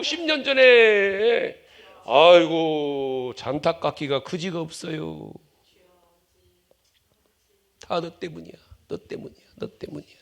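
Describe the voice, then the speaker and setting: A middle-aged male pastor preaching a sermon in a church, acting out quarrels with sudden shouts and dropping to whispers. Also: very high voice, vocal fry. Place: church sanctuary.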